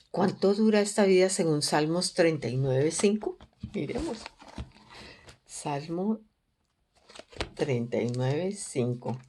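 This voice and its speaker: A woman teaching a Bible study in an earnest, measured way, often posing questions to her listeners. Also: sits low, animated, a little mellow, a little hiss or hum.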